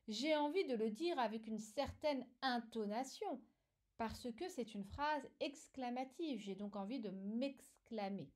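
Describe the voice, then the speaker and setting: A woman's voice: on the high side, darkish tone. A woman teacher explaining a lesson to young children, patiently addressing the child directly and stressing key words.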